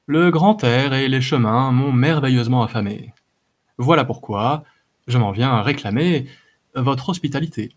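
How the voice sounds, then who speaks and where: A man's voice: mid-range voice, a little slow, lightly acted. A man voicing a courteous, fussy wandering minstrel with a flowery, prim manner in a read-aloud story. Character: dainty, polite wandering male minstrel, fussy. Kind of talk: audiobook character voice.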